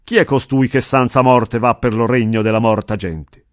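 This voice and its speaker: A man's voice: mid-range voice, normal speed, no echo, clean studio sound, lightly acted. A man voicing a crowd of scornful fallen demons guarding a gate, in verse. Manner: scornful, haughty recitation.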